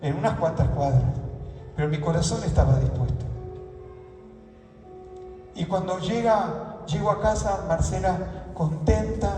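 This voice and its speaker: Argentine male pastor, storytelling sermon turning to shouts, soft music under, echoey hall. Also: high-pitched, a little slow, pauses often. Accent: Argentine Spanish. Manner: storytelling, rising to shouted fervor. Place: church hall. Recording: echoey hall, distant mic, music behind.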